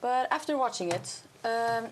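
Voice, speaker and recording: A young woman hosting a student talk show, upbeat and lively in her introductions and questions. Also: a little high, measured pace, noisy background. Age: teens or young adult.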